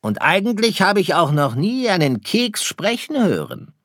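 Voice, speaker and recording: A man voicing a sly, hungry fox who talks in a coaxing, drawn-out way. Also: sits high, very animated, a bit bright, no echo, clean studio sound, pitched above the performer's own voice, heavily acted. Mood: teasing.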